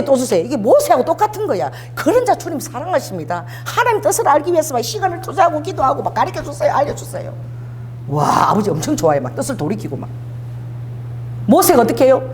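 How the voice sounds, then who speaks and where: A woman's voice: high-pitched, slight background noise. A middle-aged woman pastor preaching an emphatic sermon and having the congregation repeat lines after her.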